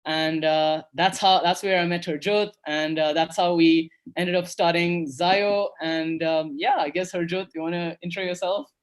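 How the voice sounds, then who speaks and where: A young man raised in Kenya hosts a casual online coding workshop over video call in a fairly high, fairly even voice. He speaks a little slowly and with few pauses, yet stays upbeat and chatty, loaded with fillers and repeated "awesome"s.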